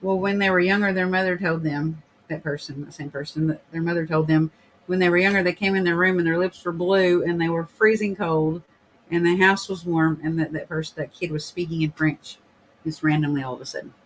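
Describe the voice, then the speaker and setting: Higher-voiced rambling male podcast host. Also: fairly even intonation, brisk, slight background noise, rough recording. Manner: rambling, filler-heavy, frequent throat clearing. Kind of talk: casual chat, reading viewer comments.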